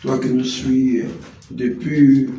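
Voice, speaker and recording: A man's voice: medium pitch, flat delivery, slow pace, muffled recording, background noise. A man preaching on radio, solemnly addressing listeners at home. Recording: echoey room, a bit far from the mic.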